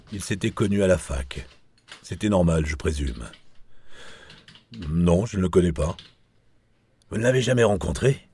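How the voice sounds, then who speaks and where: Deep husky male audiobook narrator. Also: warm tone. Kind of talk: first-person novel narration.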